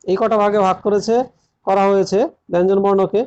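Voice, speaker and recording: A man with a notably high voice works through an exam-prep grammar lesson one step at a time. He repeats the key points and keeps turning to his students as he explains. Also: little pitch movement, brisk, darkish tone, smooth, lo-fi sound. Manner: addresses students directly. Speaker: teacher.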